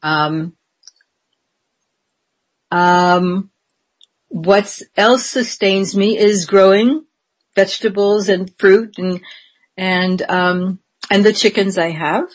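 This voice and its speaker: In this interview clip, a woman in her seventies looks back on her life, her mid-range voice holding a fairly even intonation. Her talk meanders slowly, full of ums and restarts.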